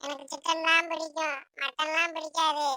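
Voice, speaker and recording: A whiny little cartoon boy, put on by a woman, begs over and over in a very high, bright, thin voice. It is recorded dry and close, with no room sound. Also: level tone, normal speed, no echo. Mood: pleading. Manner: whining, repeating demands. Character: whiny young boy begging for meat. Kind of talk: cartoon voice acting.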